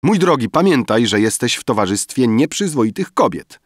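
A man's voice: mid-range voice, sing-song, moderate pace, no room sound, clean studio sound, pitched above the performer's own voice. An actor playing a mocking young poet who teases his drunken friend in an audiobook reading. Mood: admonishing. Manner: teasing, sardonic.

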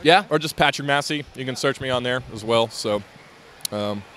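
Talking about the LEGO creation he built, a man speaks in a casual convention-hall interview, meandering with plenty of fillers and false starts. He has a mid-range, slightly bright voice and a moderate pace.

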